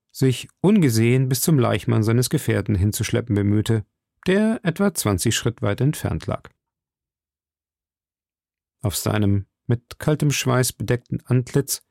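A man reading a classic adventure novel aloud as an audiobook, in measured storytelling. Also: mid-range voice, gravelly, darkish tone, dry recording, studio quality. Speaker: audiobook reader.

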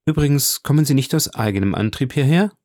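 A man reading aloud voices a polished count who speaks smoothly and with calm authority. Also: medium pitch, quick pace, no room sound, studio quality, voice pushed up, natural voice. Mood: assured, courteous. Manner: smooth, assured and courteous. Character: suave commanding count, polished and smiling.

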